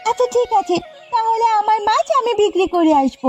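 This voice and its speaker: A woman voices a pushy, money-minded younger sister who sells fish in a village, in Bengali cartoon dialogue. Her voice is high-pitched yet darkish in tone, fairly quick, and complaining. The audio is slightly muffled, with background music.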